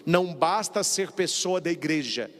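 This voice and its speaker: Brazilian priest preaching, animated, does funny voices, big echoey church sound. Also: male voice, fairly high pitch, unhurried. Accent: Brazilian Portuguese. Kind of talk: lively sermon. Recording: long reverb of a large hall.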